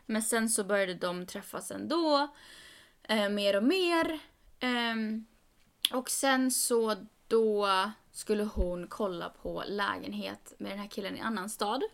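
Animated young woman with a gravelly edge. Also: medium pitch. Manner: animated, quoting others with "jag bara" and rising emphasis. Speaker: podcast co-host. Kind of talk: casual storytelling chat.

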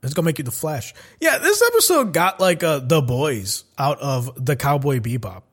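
A man's voice: on the high side, very animated, moderate pace. A young man joking casually in a group chat, slangy and often saying dude.

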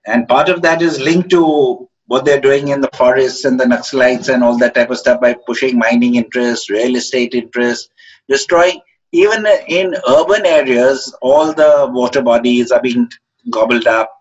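A man's voice: mid-range voice, slightly rough. Man, 70s, posh Indian English accent, hesitant reflective interviewee, dull lo-fi audio. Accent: educated upper-class Indian English. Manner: halting, hesitant, searching for words. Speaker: interviewed author. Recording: dull, muffled lo-fi call audio.

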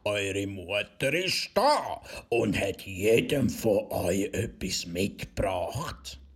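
A man with a Swiss German accent voicing a sly, rough-voiced wolf who talks slowly and growls. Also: on the low side, lively intonation, heavily acted. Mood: menacing. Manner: slow, growling.

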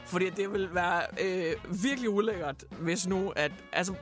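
A man hosting a casual radio show, telling stories in an animated way and acting out quotes with lots of fillers. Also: high-pitched, faint music behind. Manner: animated storyteller, acts out quotes, many fillers. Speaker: radio host. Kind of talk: casual chat, retelling news stories.

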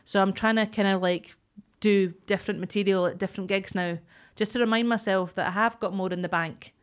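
A woman's voice: medium pitch, fairly even intonation, fairly quick, clean tone. Frank Scottish woman chatting. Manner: frank, colloquial. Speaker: stand-up comedian. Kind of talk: casual chat.

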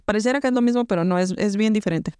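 A Mexican woman co-hosting a podcast, telling a story in casual chat with lots of slang and an animated manner. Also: medium pitch, very fast, clean tone, no echo, studio quality. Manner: animated, slangy, acts out voices in anecdotes. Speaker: podcast co-host.

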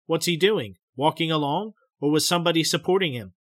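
A man voicing a calm male psychiatrist, asking short low questions of a patient. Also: a little fast, no room sound, studio quality, close to an everyday voice.

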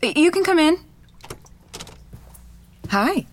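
A nervous apologetic wife. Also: female voice, very high-pitched, sing-song, slow pace, slight background noise, heavily acted. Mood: tender. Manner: nervous, apologetic, talks herself through things. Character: anxious woman hoping to adopt, always apologizing. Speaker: wife preparing for an adoption home visit. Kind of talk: audio drama acting.

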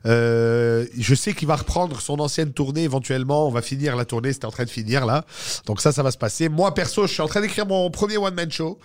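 A man's voice: medium pitch, brisk. A man, telling stories as a comedian guest in casual podcast chat, sprinkling English slang.

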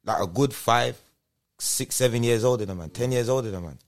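A man with a London roadman accent, his voice mid-range and a little fast, answers interview questions as a guest in casual street slang. He keeps checking that he's being followed, repeating the same tag phrases.

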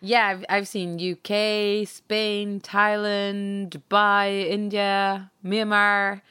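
A woman from Sweden, slightly hoarse from a cold, co-hosting a podcast in upbeat casual chat. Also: medium pitch, monotone, extremely slow, sharp tone, no echo. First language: Swedish. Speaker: podcast co-host. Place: in Stockholm, remote call.

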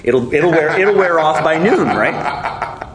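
A man in his forties, appearing as a guest, tells his story bluntly and casually, swearing freely, chuckling, and making jokes at his own expense. His voice is a little high, expressive, and slow, set against a loud crowd.

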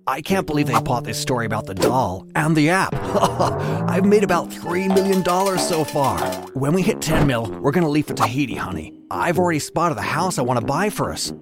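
An actor playing a greedy, scheming male cult leader who gloats and mocks his followers, in an animated story. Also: a little high, normal speed. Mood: gloating. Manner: gloating, mocking. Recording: music playing behind.

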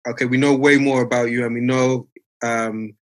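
A man of ordinary pitch hosts a casual podcast interview. He asks his questions in a curious, easygoing way, padding them with fillers. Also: level tone, normal speed. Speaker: podcast host.

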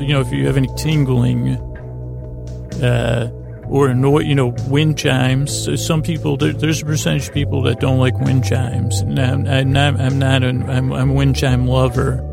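A podcast host delivers a meandering, halting bedtime monologue, often interrupting himself and drifting off track while gently reassuring the listener. His voice is gravelly at a medium pitch with a level tone, heard over music.

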